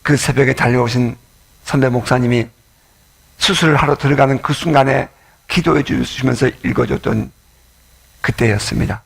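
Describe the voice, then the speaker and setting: A man's voice: mid-range voice, fairly even intonation, moderate pace, gravelly, long pauses, breathy edge. A male pastor preaching an emotional, storytelling sermon in a church.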